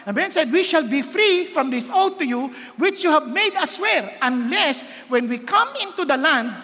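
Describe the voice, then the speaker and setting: A pastor delivers a sermon, animated and emphatic, sometimes breaking into shouts and slowing down for scripture. His voice sits very high and sounds bright and forceful. A long reverb trails each phrase, as in a large hall. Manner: animated, rising to shouts, slows when reading scripture.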